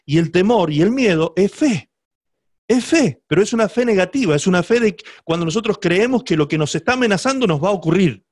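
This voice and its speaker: A man's voice: high-pitched, lively intonation, brisk, a little mellow, dry recording, clean studio sound. A male pastor preaching a sermon, emphatic and teaching, often checking in with rhetorical questions to his listeners.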